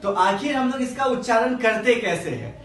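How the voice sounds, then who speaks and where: Teacher quizzing a class, heard from afar. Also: medium pitch. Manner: slow, drawn-out explanations, quizzing the class. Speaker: English teacher. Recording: echoey classroom from a distance.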